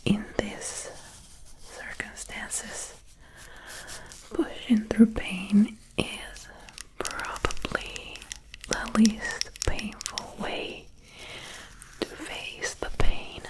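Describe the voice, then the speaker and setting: A woman whispering softly and very close into a binaural mic in an ASMR talk, with deliberate pauses. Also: medium pitch, steady tone, low-quality recording. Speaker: ASMR creator. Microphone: close binaural microphone, ear to ear.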